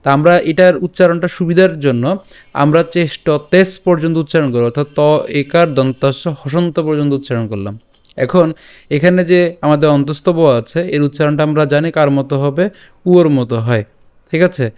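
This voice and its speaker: A man teaching Sanskrit verse pronunciation, repeating each syllable slowly and checking in with his listeners. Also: on the high side, darkish tone, clear, resonant tone. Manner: slow syllable-by-syllable repetition, frequent "ঠিক আছে?". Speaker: Gita teacher. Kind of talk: pronunciation lesson.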